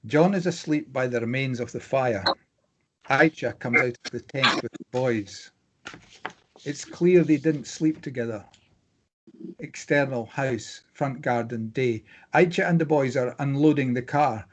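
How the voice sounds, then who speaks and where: Over a noisy background, a medium-pitched male voice narrates screenplay stage directions from a script. The delivery is plain and measured, with scene headings read in a clipped way.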